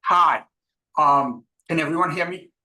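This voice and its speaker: A man's voice: on the high side, unhurried, pushed and bright. A man giving an earnest, hesitant public comment over a group voice call, with frequent ums and uhs. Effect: voice coming through a group voice call. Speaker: public commenter at a board meeting. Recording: echoey remote call audio.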